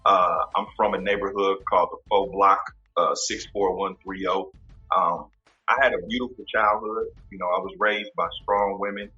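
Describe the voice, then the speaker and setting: A man in his fifties from Kansas City, Missouri, speaking as a guest in a casual interview in a relaxed, reflective way, often repeating words as he thinks. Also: deep voice, normal speed, highs cut off, soft background music. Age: 50s. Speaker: podcast host as guest.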